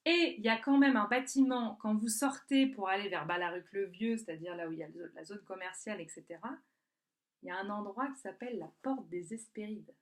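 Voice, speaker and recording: A woman's voice: medium pitch, a little fast. Chatty woman searching for words. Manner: chatty, searching for words with many fillers and restarts. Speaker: energy healer. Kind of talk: casual talk to camera. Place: works in a southern French spa town.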